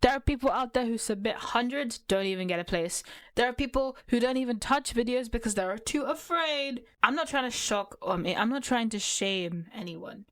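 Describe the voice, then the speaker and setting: A woman's voice: on the high side, normal speed, fairly bright tone, dry recording, studio quality. A woman doing casual gameplay commentary, talking bluntly and giving frank advice with playful asides. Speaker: gaming commentary creator.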